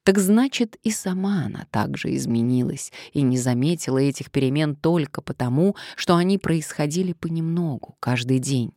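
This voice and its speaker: A woman narrates an audiobook with an expressive, lively delivery. Her voice sits low and sounds mellow and dark. The recording is dry and close. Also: normal speed, hardly any pauses, no room sound.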